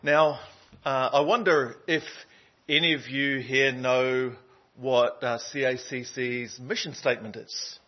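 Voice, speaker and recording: A man preaches a sermon in a loose, conversational way, often stopping on an um or uh. His voice is husky, and the recording sounds muffled and lo-fi. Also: mid-range voice, fairly even intonation, measured pace. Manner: conversational, lots of ums and uhs. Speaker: pastor. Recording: dull lo-fi sound.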